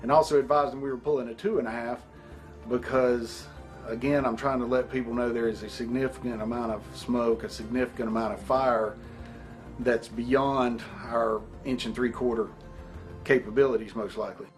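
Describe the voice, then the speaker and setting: A middle-aged man, a fire officer explaining past events in a measured documentary interview. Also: mid-range voice, fairly even intonation. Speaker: firefighter, company officer. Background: background music.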